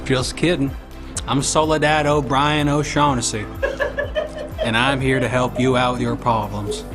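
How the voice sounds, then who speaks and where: A man's voice: medium pitch, level tone, unhurried, music in the background, lightly acted. An improv performer playing a jokey male therapist who is here to help with problems. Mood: joking. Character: chatty male improv therapist, brassy and wisecracking. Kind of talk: improvised comedy character.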